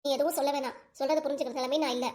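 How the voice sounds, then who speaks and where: A woman's voice: sits high, steady tone, very fast, a little mellow, lightly acted. A woman with a Tirunelveli Tamil accent voicing a young mother who defends her children and complains in a cartoon. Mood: indignant. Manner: indignant, complaining.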